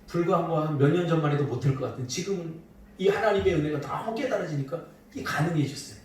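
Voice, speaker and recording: A man's voice: on the high side, quick pace, slight background noise. A middle-aged man preaching a sermon as pastor, with playful asides to the congregation. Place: church sanctuary. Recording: echoey church hall from a distant mic.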